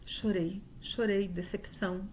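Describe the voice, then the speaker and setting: A woman's voice: mid-range voice, fairly even intonation, slow pace, darkish tone, slight background noise. A woman with a Brazilian Portuguese accent gives a heartfelt sermon testimony at a church service, telling her story with acted-out dialogue. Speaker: church speaker giving a testimony.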